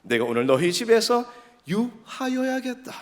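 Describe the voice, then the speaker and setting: A man's voice: very high voice, sing-song, moderate pace, voice pushed up. A man playing Jesus calling up to a man in a tree, kind and commanding, in a reverberant hall. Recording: long church hall reverb.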